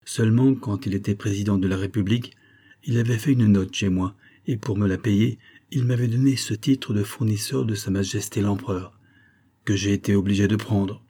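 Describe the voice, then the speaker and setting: A man's voice: lowish voice, steady tone, moderate pace, husky. A man reading an audiobook, voicing a pompous middle-aged pharmacist who protests indignantly. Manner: indignant, protesting, shouting at workers. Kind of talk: audiobook character voice.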